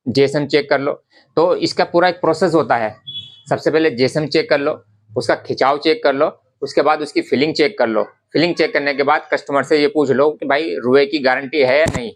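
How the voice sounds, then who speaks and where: A garment business vlogger with a fairly high voice talks to the camera at normal speed, casually explaining fabric quality. He's conversational and repetitive, going over his points again and calling his viewers brothers.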